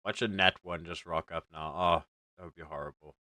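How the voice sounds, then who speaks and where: A man's voice: deep voice, steady tone, fairly quick, bright, forceful tone, dry recording. A man casually narrating a tabletop game as game master, improvising informally.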